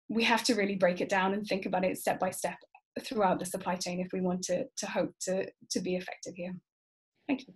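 A woman's voice: medium pitch, slightly rough. A woman researcher summing up her conference talk earnestly, with some hesitant ums. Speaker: panel speaker, researcher.

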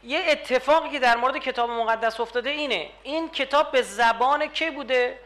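A man lectures on religious texts with a very high-pitched, bright, forceful voice. He presses his points hard and keeps throwing rhetorical questions at the room. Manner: emphatic, rhetorical questions to the audience. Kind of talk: religious lecture to a live audience.

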